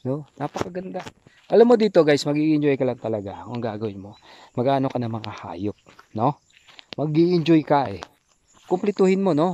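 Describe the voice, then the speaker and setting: A man's voice: mid-range voice, mellow, a little hiss or hum. A man vlogging casually outdoors in the countryside, chatty, often tagging "no?" and "guys". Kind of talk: casual walking vlog.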